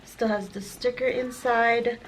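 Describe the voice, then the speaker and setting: A slightly high-pitched woman talks through an unboxing in a slow, drawn-out way, gushing and a little out of breath. She slips into soft whispers at the exciting moments. A steady background noise sits under the recording. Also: low-quality recording. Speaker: vlogger.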